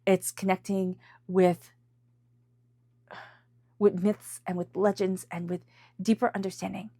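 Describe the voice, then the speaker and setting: A tarot reader with a stuffy voice from a head cold gives an intuitive reading to viewers and repeats phrases for emphasis. She talks a little slowly in a dark, mid-range voice with little pitch movement, recorded clean in the studio with no room sound.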